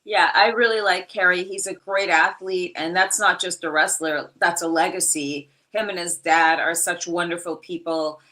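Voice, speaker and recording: A middle-aged woman trades brash, joking stories on a casual podcast. Her voice is bright and forceful but sits somewhat low in pitch. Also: fairly even intonation, moderate pace, few pauses, poor audio. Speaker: guest wrestler.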